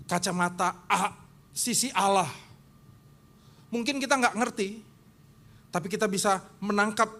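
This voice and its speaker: A man's voice: high-pitched, fairly bright tone. A middle-aged male pastor preaching and telling stories, acting out the people he quotes with big jumps in his voice. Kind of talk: sermon with acted anecdotes.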